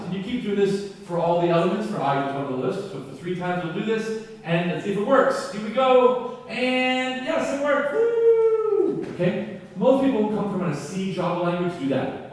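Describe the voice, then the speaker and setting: A man giving an enthusiastic, animated conference keynote, acting out classroom exchanges as he teaches. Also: sits high. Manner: animated, enthusiastic, acts out dialogue. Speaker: keynote speaker. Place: lecture hall. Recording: echoey hall from far off.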